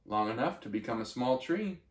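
A man voicing a friendly, calm young orange tree who talks in a gentle, reassuring way. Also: mid-range voice, brisk, echoey room, natural voice.

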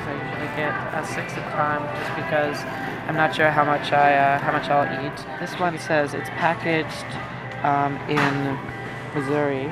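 A man's voice: a little high, poor audio. Young man vlogging in a grocery store. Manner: chatty, thinking aloud with ums while reading labels. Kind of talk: casual handheld vlog. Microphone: handheld camera mic.

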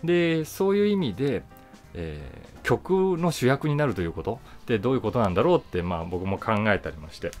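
On his own channel, an actor and voice actor in his forties sits before the camera in a small indoor room, reflecting casually aloud. His mid-range voice moves fairly quickly with big pitch swings, leaning on key words and trailing off into asides as faint music plays behind.

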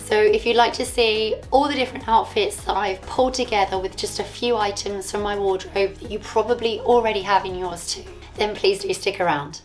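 Lady vlogging about clothes, croaky voice, chatty advice, soft music underneath. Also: medium pitch. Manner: friendly advice-giving, chatty. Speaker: fashion vlogger. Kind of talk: casual talk to camera.

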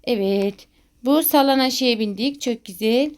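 Woman, high pitch, casual gaming commentary, jumpy and giggly, shrieks at scares. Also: unhurried, darkish tone. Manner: jumpy, talks to herself, laughs often, shrieks when scared. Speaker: gaming video host. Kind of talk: excited gameplay commentary.

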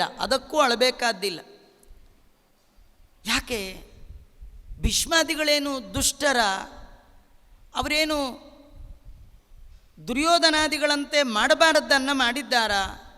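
A man giving a slow, emphatic devotional discourse on scripture, asking rhetorical questions as he teaches. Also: very high-pitched, sharp tone. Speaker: religious teacher. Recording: long hall reverb.

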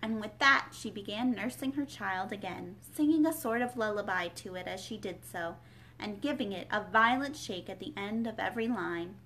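A woman's voice: mid-range voice, moderate pace, pushed and bright, slight background noise, rough recording. A young adult woman reading a children's novel aloud as a storyteller, recorded in a room at home. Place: small furnished room at home, indoors.

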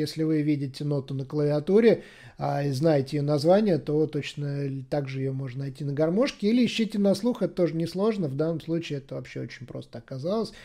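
Harmonica teacher, male, slightly high, warm mellow tone, patient casual explainer. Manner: plain, patient step-by-step explaining.

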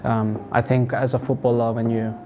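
A young man from Australia, a football player answering interview questions in a relaxed, halting way with many fillers. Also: medium pitch, a little hiss or hum. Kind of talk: sit-down interview. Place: indoors in front of a wall of football boots. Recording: music playing underneath.

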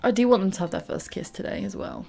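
A woman commenting on a game she is playing, gushing and giggly with excitement. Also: medium pitch, fast talker, gravelly, faint music behind. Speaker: gaming YouTuber. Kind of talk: let's play commentary.

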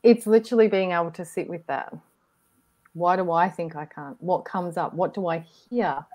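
Soft-spoken woman, gently encouraging. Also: on the low side, moderate pace. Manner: reflective, gently encouraging, many restarts. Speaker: co-host. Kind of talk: casual group discussion on a video call.

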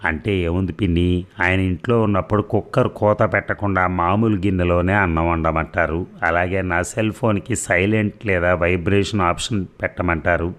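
Man doing a hushed, weary young wife. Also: deep voice, close to an everyday voice. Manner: hushed, complaining.

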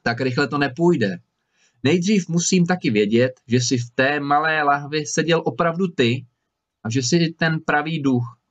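A man doing a fearless, high-voiced young student. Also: lightly acted. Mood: bold. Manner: fearless, quick-witted. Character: bold, clever young male student. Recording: slightly dull recording.

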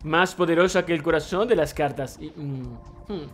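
A man streaming a retro shooter live, excitable and swearing, reading chat messages aloud. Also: on the high side, moderate pace, soft background music. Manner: excitable, swearing, laughing, mixing English slang. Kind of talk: live gameplay commentary.

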